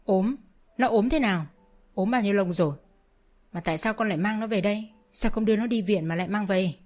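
A woman's voice: medium pitch, a little fast, a little mellow, close to an everyday voice. A woman voicing a worried older village mother who presses with anxious questions in a told story.

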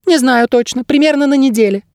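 A man voicing a smug little male bird guide in an audiobook, with a thin squeaky voice and an evasive, boastful manner. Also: fairly quick, a little mellow, no echo, studio quality. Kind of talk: audiobook character voice.

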